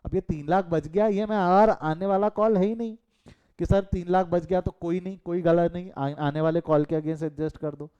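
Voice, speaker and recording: Heard close on a call mic with dull audio, a middle-aged Indian-accented commerce teacher leads his online class at normal speed. His mellow voice sits a little high, clean in tone, with fairly even intonation. He shifts between Hindi and English, questions his students and goes off on chatty asides.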